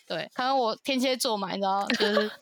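A young woman co-hosting a podcast, telling a friend's relationship story in an animated, indignant, gossipy way. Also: medium pitch, fast, a little hiss or hum. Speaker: podcast co-host. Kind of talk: casual chat, storytelling.

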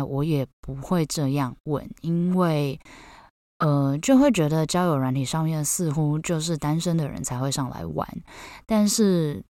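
A young woman with a Taiwanese Mandarin accent and a low voice tells a story on her podcast. She talks in a lively, disbelieving way and keeps dropping in "OK". The sound is close and dry. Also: dry recording. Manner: animated, incredulous, peppers speech with "OK". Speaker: podcast host.

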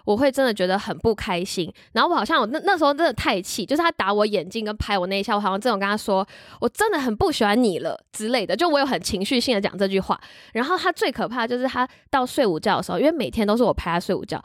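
A young woman co-hosting a casual chat podcast, a teacher telling animated stories and acting out what was said. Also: mid-range voice, rapid-fire, few pauses, no echo, clean studio sound. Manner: animated storytelling, acts out quotes.

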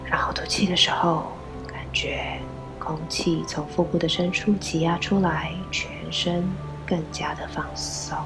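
A woman leading a guided meditation, gently giving instructions in a soft, breathy voice with pauses. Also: lowish voice, steady tone, in a whisper, low-quality recording. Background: background music.

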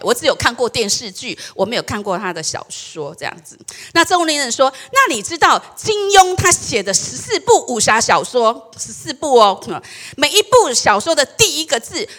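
Bright-voiced woman pastor preaching. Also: on the high side. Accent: Taiwanese Mandarin. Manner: animated, tells jokes and leads the congregation in call-and-response. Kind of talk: sermon.

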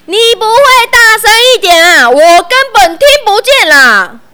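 A woman voicing a loud, impatient village shop clerk who shouts brusquely, in a children's story. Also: extremely high pitch, sing-song, measured pace, voice pushed up, exaggerated voice.

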